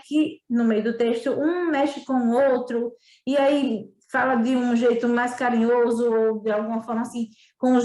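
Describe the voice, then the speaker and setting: A woman's voice: fairly high pitch, a little mellow, echoey room. A woman teacher with a northeastern Brazilian accent, explaining a remote school lesson with frequent tag questions. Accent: Brazilian Portuguese, northeastern.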